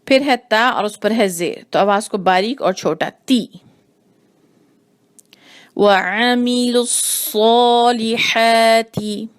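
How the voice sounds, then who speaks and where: A woman teaching Quran recitation rules, explaining slowly and repeating each sound to demonstrate it. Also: medium pitch, animated. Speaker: tajweed teacher. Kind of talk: patient recitation lesson.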